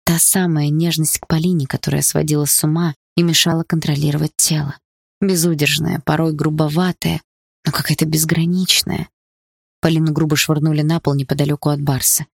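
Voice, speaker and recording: A man reads a dramatic novel aloud in measured, steady sentences. His voice has a gravelly rasp and sits close and dry on the mic, with no room sound. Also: on the high side, dry recording. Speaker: audiobook narrator. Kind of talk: dramatic audiobook narration.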